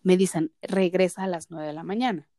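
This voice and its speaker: A woman in her thirties co-hosts a podcast, recounting her story in relaxed conversation and animatedly acting out the dialogue she quotes. Her voice is fairly low, mellow, and brisk, recorded in studio quality with no echo.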